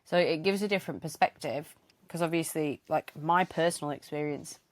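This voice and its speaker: A woman's voice: sits low, normal speed, dry recording. A woman co-hosting a podcast in casual chat, hesitant with many restarts. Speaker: podcast co-host.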